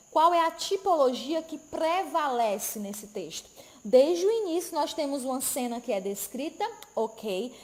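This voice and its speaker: A woman teaches an exam-prep grammar class, explaining step by step and checking in with tag questions. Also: high-pitched. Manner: didactic, frequent tag questions, emphatic repetition. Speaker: Portuguese teacher.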